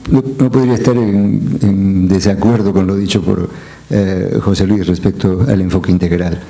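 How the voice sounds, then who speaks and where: Mellow-voiced man giving measured panel remarks. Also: low-pitched. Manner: measured, reflective, with filler hesitations.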